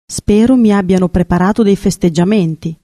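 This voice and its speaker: A woman's voice: mid-range voice, mellow, no room sound, clean studio sound, close to an everyday voice. A woman voicing an impulsive, vain young male swallow in a storybook reading. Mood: fussy. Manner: brisk, fussy, self-important.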